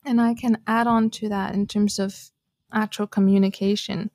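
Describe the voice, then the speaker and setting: A woman's voice: mid-range voice, little pitch movement, normal speed, darkish tone, dry recording, clean studio sound. A woman in an interview, speaking as a relationship coach in a candid, reflective way. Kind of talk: conversational interview answer.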